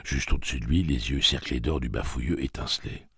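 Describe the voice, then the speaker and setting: A man reading a story aloud as narrator, in a dramatic, animated way. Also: rumbling low, fairly quick, breathy edge, dry recording, clean studio sound. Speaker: audiobook narrator. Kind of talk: scripted narration.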